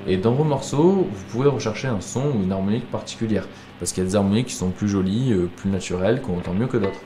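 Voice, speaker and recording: A man from southern France gives a casual guitar lesson in a low voice, talking fast despite a cold that has him coughing. He's relaxed and chatty, walking through each step and using plenty of fillers.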